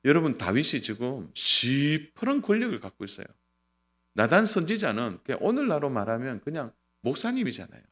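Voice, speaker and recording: Lively, earnest male pastor preaching. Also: mid-range voice, brisk. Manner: lively, earnest preaching with sudden loud and soft turns. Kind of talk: sermon.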